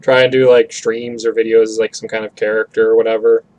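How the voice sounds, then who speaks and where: A man's voice: fairly low pitch, level tone, fast, a little mellow. A man chatting casually on a stream while drawing, rambling and swearing freely. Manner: rambling, profane.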